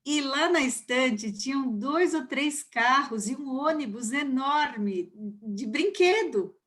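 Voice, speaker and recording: A woman's voice: high voice, lively intonation, slow pace, a bit bright. Chatty woman talking from her bedroom. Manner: chatty, tells anecdotes. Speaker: teacher. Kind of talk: casual online class talk.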